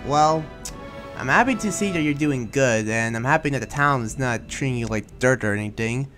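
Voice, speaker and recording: In a Minecraft anime roleplay with music playing behind him, a man improvises as a friendly, awkward young demon slayer. His medium-pitched, expressive voice moves at a moderate pace, lightly acted, and his talk is hesitant, rambling and casual.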